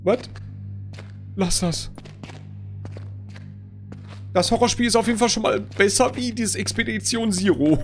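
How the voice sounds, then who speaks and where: A man's voice: high voice, measured pace, long pauses. Male streamer, middle-aged, playing a scared horror gamer's part as himself: casual, exclaiming, pleading commentary over faint music. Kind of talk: casual let's play commentary.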